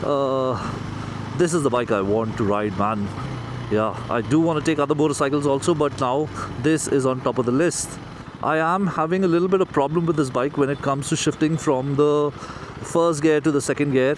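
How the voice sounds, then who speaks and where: Indian guy motovlogging from inside his helmet, kinda higher voice, chatting while riding, lots of road noise. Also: moderate pace. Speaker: motorcycle reviewer. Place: outdoors on a motorbike, inside a helmet. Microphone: mic inside helmet. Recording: noisy road and engine sound, helmet mic.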